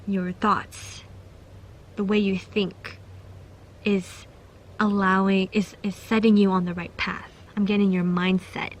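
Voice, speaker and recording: A woman's voice: medium pitch, slight background noise. Chatty young woman reading tarot cards. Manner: chatty, giggly, full of fillers and restarts. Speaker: tarot reader. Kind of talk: casual pick-a-card tarot reading.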